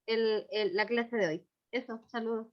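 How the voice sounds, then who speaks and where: A Chilean woman introduces herself to a class over a headset, talking quickly and a little unsure. Her voice sits somewhat high. The call audio is dull and lo-fi. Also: steady tone, a crowd in the background. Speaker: student. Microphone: headphones on a video call.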